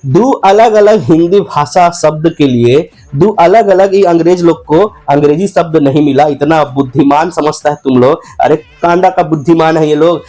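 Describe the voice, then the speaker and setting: A man's voice: a little high, moderate pace, warm tone, close to an everyday voice. A man playing an ignorant, boastful political devotee in a satirical comic monologue, speaking rustic broken with an indignant, mocking manner.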